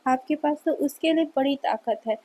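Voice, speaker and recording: A woman's voice: high voice, moderate pace, dark tone, natural voice, rough recording. A woman voicing a cheeky young man who teases his partner, in a fan fiction read-aloud. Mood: teasing. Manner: teasing, mocking.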